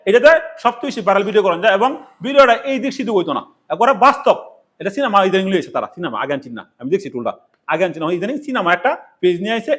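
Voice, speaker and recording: A man's voice: sits high, a bit bright. A man giving a casual, rambling tutorial, often asking questions and answering them himself. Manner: rambling, repetitive, asks and answers his own questions. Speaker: tech tutorial presenter.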